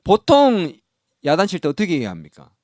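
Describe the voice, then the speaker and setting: A man's voice: high-pitched, brisk, no echo, studio quality. A man preaching a sermon as pastor, asking the congregation questions and acting out parts of the story. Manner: animated, acts out scolding dialogue, asks the congregation questions.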